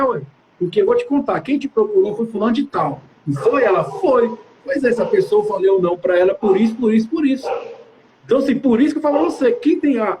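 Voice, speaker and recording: A man's voice: sits high, darkish tone. A man from Brazil, a building manager, chatting animatedly and casually on a live stream, slangy and talking straight to his audience.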